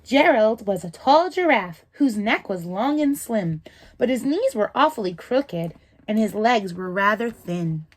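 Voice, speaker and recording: A woman reading a picture book aloud to children, in a slow, animated and expressive way. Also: mid-range voice. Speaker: children's storytime reader.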